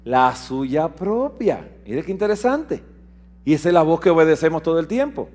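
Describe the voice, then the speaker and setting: In a sing-song delivery at normal speed, a man preaches a sermon, reading scripture aloud and questioning his congregation. He swings between loud declaiming and soft, low asides.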